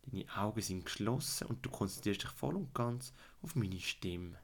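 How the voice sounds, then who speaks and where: Speaking at a normal speed in a lowish, animated voice, a Swiss German man narrates a soothing guided relaxation and sleep story. His repeated instructions sometimes fall to a hush.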